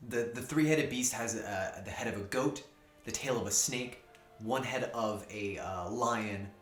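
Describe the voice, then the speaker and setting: A man's voice: mid-range voice, a little slow, echoey room, faint music behind. A man narrating a tabletop game as game master, rambling and full of fillers.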